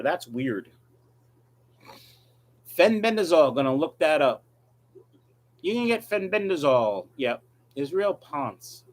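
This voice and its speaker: A man hosting a casual livestream, reading viewer questions and answering them in a blunt, offhand way. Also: a little high. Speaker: livestream host, aquarium fish breeder.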